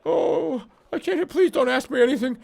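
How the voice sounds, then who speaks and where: A man's voice: fairly high pitch, animated, measured pace, a little mellow. A man voicing a squat, ugly, fearful fortune-teller creature in a game, hesitant and evasive, repeating himself plaintively. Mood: panicked, pleading. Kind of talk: game character dialogue read aloud.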